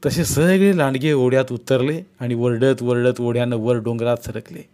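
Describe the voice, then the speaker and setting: A man's voice: medium pitch, steady tone, normal speed, mellow. A man reading a novel aloud as a storyteller, telling the story steadily and acting out the dialogue.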